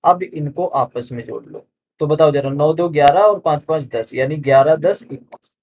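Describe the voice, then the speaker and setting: A man teaching exam reasoning questions in a chatty way, calling viewers friends, checking they follow and slowing down to read out each statement. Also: on the high side, a little mellow. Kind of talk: explaining solved exam questions.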